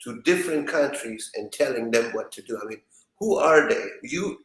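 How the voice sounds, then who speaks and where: A man arguing his opinion in a casual discussion, deliberately and with rhetorical questions. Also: medium pitch, animated, a bit bright. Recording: echoey room.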